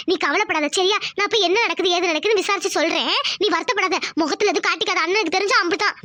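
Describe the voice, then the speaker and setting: Woman doing a chill cartoon neighbor lady, quick and hushed, dry close mic. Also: very high-pitched, dry recording. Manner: soothing, hurried, hushed. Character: calm, reassuring village neighbor woman. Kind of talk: cartoon voice acting.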